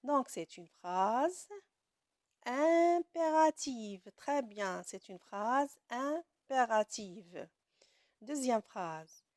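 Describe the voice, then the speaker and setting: Woman teacher doing grammar for kids, kinda high voice, super slow, drags out words, lots of praise. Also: expressive, a little mellow, no room sound, clean studio sound. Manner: slow and deliberate, stretches key words, frequent praise. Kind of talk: grammar lesson for children.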